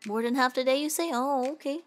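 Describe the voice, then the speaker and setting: A woman's voice: sits high, brisk, soft background music, lightly acted. A woman playing a teasing young nurse in a casual, joking, rambling comedic role-play. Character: teasing, flippant young female nurse questioning a patient.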